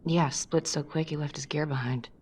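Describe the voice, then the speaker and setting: An actress voicing a tough, blunt female police detective who speaks low and gravelly. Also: steady tone, normal speed, a little mellow.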